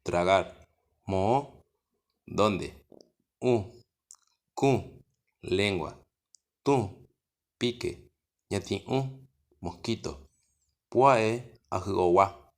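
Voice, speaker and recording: Very slow low-voiced paraguayan guy dictating words one by one for a lesson. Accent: Paraguayan Spanish. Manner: slow, deliberate word-by-word dictation. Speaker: language teacher. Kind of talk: reading out a vocabulary lesson.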